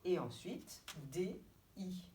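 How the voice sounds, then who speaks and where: French kindergarten teacher, woman, low voice, drawn-out syllables, distant camera mic. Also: very animated, warm tone. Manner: slow, deliberate, stretching out syllables and letters. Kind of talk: remote video lesson for young children. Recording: distant mic with faint background noise.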